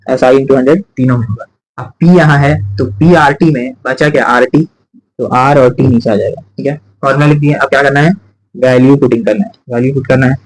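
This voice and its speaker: A man's voice: medium pitch, darkish tone, low-quality recording. A male maths teacher from explaining sums step by step, asking and answering his own questions and repeating each point. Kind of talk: chalkboard maths lesson.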